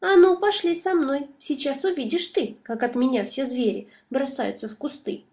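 A woman voicing a small, clever, boastful male mouse with a squeaky, cheeky voice in a storybook reading. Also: expressive, moderate pace, darkish tone.

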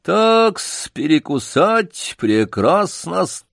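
A man's voice: a little high, very animated, vocal fry, fairly bright tone, no echo, clean studio sound, voice pushed up, heavily acted. A man doing a pompous old circus poodle. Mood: lofty, lecturing. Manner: slow, grand, lecturing with showy pauses.

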